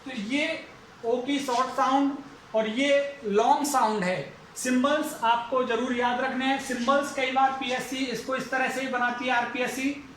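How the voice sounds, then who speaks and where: A man from India teaches a phonetics lesson, stretching and repeating each example word. His voice sits very high and he talks very slowly. The recording is heavily echoey with a faint hiss behind him. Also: steady tone, fairly bright tone. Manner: explaining slowly, repeating and drawing out example words. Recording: very echoey room, faint noise.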